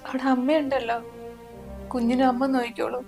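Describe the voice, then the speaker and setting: A sick, resigned young wife, acted by a woman pleads softly while crying. Her voice is a little high but held flat, with little rise and fall, and faint music plays behind her. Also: fairly quick, vocal fry, rough recording. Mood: tearful. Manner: soft, pleading, flat delivery. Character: ill, tearful young wife, gentle and resigned. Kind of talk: family short film acting.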